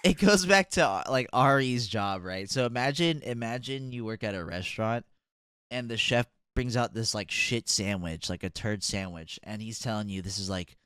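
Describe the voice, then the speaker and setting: Male podcast host, low smooth voice, dry close mic, jokey and profane. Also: normal speed, fairly bright tone, dry recording. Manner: joking, storytelling, swears casually. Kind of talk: casual chat.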